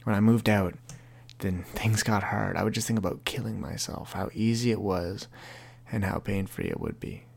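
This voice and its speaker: A podcast host in his twenties reads earnestly and confessionally from his own book, using heavy language. His lowish, darkish voice is creaky with a breathy edge, keeping fairly even intonation at a normal speed.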